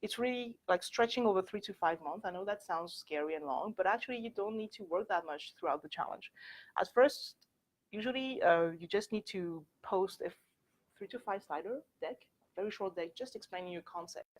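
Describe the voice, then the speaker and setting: A young adult Frenchwoman with a French accent speaks briskly in a mid-range voice, though the audio is poor. As a workshop speaker in a university lecture room, she gives students a chatty, candid, informal talk loaded with "like" and "actually."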